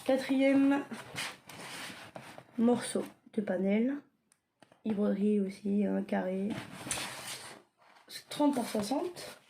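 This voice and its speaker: A woman's voice: medium pitch, extremely slow, long pauses, dark tone. A young woman talking casually as she shows her collection, hesitant and full of fillers and self-corrections. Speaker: vlogger showing her diamond painting stock. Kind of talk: casual show-and-tell. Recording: clear background noise.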